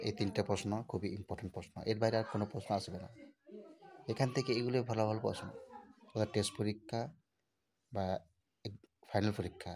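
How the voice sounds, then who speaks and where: Very low-voiced quick woman teacher. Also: warm tone, a little hiss or hum. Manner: repetitive, coaxing, keeps checking in with students. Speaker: exam-prep teacher. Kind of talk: casual exam tips to students.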